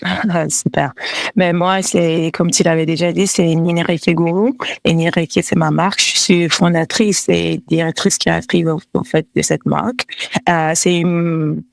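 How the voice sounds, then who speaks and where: A woman from Togo speaks as a guest designer, circling her thoughts with many fillers and quick restarts. Her voice sits close and dry, with no room sound around it. She laughs easily between answers. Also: fairly low pitch, steady tone, creaky, dry recording. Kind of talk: casual interview talk.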